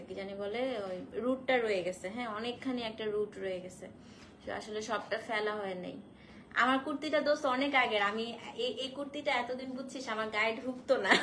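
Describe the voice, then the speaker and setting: A woman hosting a casual live stream to sell saris, feverish and in pain, speaking slowly and softly and mixing in English phrases. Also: a little high, a little hiss or hum. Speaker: online shop owner selling saris on a live stream.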